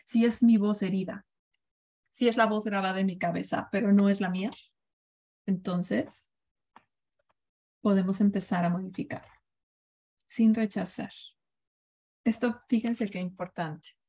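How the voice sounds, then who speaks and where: A woman's voice: medium pitch, steady tone, a little slow, pauses often, warm tone. A woman leading a parenting workshop, speaking reflectively and often asking her listeners questions. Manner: reflective, asks the audience questions. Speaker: parenting coach. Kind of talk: live online workshop talk.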